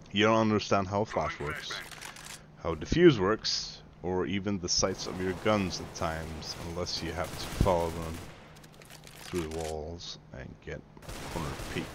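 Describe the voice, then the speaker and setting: A male gaming host with a deep, slow voice and Swedish as his first language delivers sarcastic gameplay commentary, mocking and taunting with casual swearing. Game gunfire runs under his voice, and the recording is very noisy.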